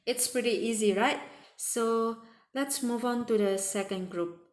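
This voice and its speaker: A woman teaching a language lesson, explaining sounds patiently and repeating examples slowly. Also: a little high, roomy sound. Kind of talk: slow spoken language lesson.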